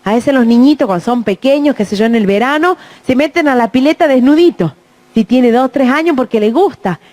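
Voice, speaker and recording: A woman's voice: sits high, animated, a little fast, darkish tone. A middle-aged woman talks to parents about protecting children and keeps checking in with her listeners. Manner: acts out children's and adults' voices in quoted speech; checks in with the audience with "¿mm?". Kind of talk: talk to parents.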